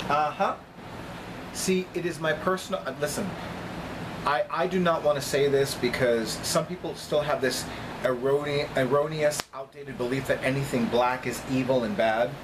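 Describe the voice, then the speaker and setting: In a cramped apartment room by the kitchen, a middle-aged vlogger who does psychic readings talks casually to the camera. His medium-pitched speech is emphatic and deliberate, full of repetition, with background noise behind it.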